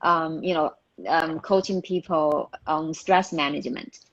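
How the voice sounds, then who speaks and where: A woman's voice: low-pitched, steady tone, unhurried, fairly bright tone. A woman hosting an interview, asking questions with hesitant filler sounds. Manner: hesitant, many filler ums. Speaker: interview host. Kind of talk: conversational interview. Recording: dull lo-fi call audio.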